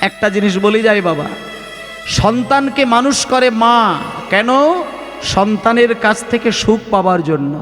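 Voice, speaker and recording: A man's voice: high voice, normal speed, fairly bright tone, in a large hall, soft background music. A man preaching at a devotional kirtan gathering, impassioned and full of rhetorical questions to the audience. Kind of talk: devotional sermon with chanting. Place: devotional gathering with live music.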